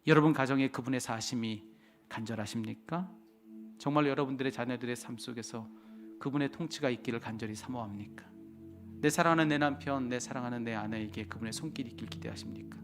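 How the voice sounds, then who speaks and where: A man preaching a sermon as pastor, swinging between loud urgent phrases and hushed whispers, and acting out biblical dialogue in casual speech. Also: medium pitch, fast talker, over music.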